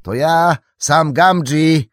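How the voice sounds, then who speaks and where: A man voicing a loyal, eager young male hobbit servant who calls out loudly and urgently. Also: medium pitch, lively intonation, a little slow, slightly rough, no echo, clean studio sound, voice pushed up.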